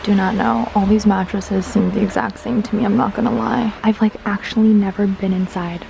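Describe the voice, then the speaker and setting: A woman's voice: medium pitch, fairly even intonation, brisk, creaky, dark tone. Young woman, casual upbeat vlogger, fillers galore, noisy camera audio. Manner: chatty, upbeat, filler-heavy. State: tired, out of breath at times. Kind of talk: casual vlog narration. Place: around the city, indoors and outdoors. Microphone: handheld camera mic.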